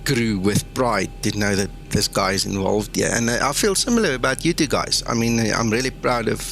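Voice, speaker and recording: A man's voice: on the low side, fairly quick, gravelly, fairly bright tone, faint music behind. A man from South Africa with an Afrikaans accent, chatting casually as the host of a flight sim livestream.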